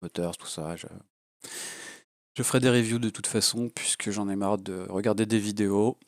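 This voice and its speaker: Speaking at normal speed with a lowish voice and fairly even intonation, a man with a cold gives a casual, unplanned review of FPV drone gear. He's blunt, crude, and rambling, with plenty of fillers. The recording is dry and studio quality despite a low-level home mic.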